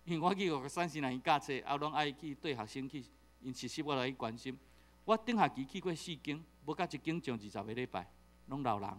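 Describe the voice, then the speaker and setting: A man's voice: medium pitch, fairly quick. A middle-aged man with a Taiwanese accent preaching a sermon, joking and telling stories with many repeated fillers. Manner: jokey, animated storytelling with repeated fillers. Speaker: pastor.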